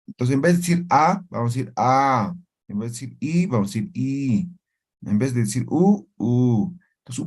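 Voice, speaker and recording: A male teacher explains a language lesson at an unhurried, careful pace. He walks through each rule step by step. He keeps checking that the class is following with short tag questions, in a voice of ordinary middle pitch. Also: darkish tone.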